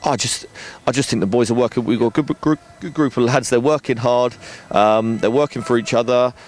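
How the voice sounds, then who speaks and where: A man in his thirties, a rugby director, speaking in a frank, measured way with many ums and restarts, outdoors at a floodlit ground at night into a handheld mic. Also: medium pitch, a little mellow, slight background noise. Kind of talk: post-match interview. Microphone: handheld interview mic.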